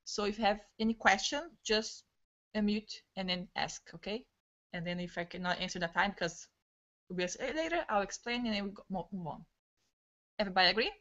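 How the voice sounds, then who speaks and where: A woman trainer leading an online team session, talking quickly and excitedly, restarting words, in non-native English over a video call. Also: mid-range voice. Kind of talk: live online training talk. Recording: dull lo-fi video-call audio.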